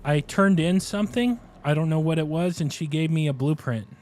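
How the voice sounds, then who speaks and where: A man's voice: a little high, fairly quick, a little mellow. Curious man streaming a game. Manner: curious, asks lots of questions. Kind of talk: casual gaming chat.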